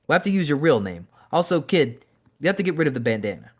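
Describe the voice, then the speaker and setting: A man's voice: on the high side, big pitch swings, fast talker, slightly rough, pitched above the performer's own voice. A man voicing a blunt, businesslike middle-aged male wrestling booker in an audiobook reading. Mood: brusque.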